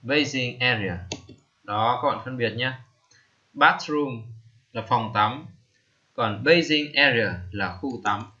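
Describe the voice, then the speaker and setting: A man, teaching vocabulary slowly, repeating each term and pausing with many fillers. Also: medium pitch, sharp tone, lo-fi sound. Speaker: English teacher. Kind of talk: screen-recorded lesson.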